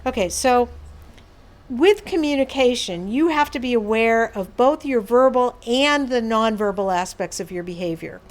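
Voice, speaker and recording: A woman's voice: on the high side, expressive, normal speed. A woman presenting a workshop to an audience, explaining patiently with everyday examples and asides. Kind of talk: educational talk on behaviour management.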